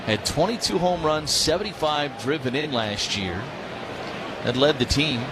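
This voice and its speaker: The clip has an American radio announcer giving play-by-play of a live baseball game from the broadcast booth. His voice is a little high, animated and a little slow, set against clear crowd noise and ballpark sound.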